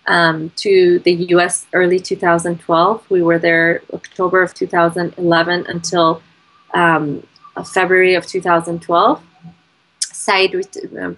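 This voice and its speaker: A woman from Iran who moved to the United States as a child, recounting personal testimony in an interview in an earnest, measured, halting way. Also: fairly low pitch, a bit bright, rough recording. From born and raised in Iran until age nine, then moved to the United States. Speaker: interviewee telling her husband's story.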